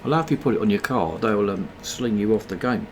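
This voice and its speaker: A man's voice: on the low side, lively intonation, brisk, a little hiss or hum. Sarcastic man streaming a game. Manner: sarcastic, mocking. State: tired, yawning. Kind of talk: casual live-stream commentary on ads.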